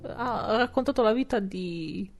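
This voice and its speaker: A woman's voice: fairly high pitch, moderate pace. A woman co-hosting a casual film show, retelling a plot in a playful, conversational storytelling way. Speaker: podcast co-host.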